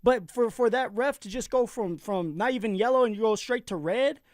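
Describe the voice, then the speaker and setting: A man's voice: very high voice, moderate pace, no room sound, studio quality. A man co-hosting a sports talk show, giving blunt opinions with frequent repeated words. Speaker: sports radio co-host. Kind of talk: sports talk radio debate. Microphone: studio microphone.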